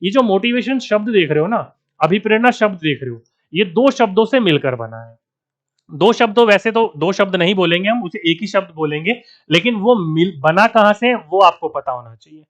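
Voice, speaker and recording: High-voiced male Hindi teacher. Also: animated, moderate pace. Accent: Bihari Hindi. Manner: addresses students as friends, asks and answers his own questions. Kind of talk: online exam-prep lecture.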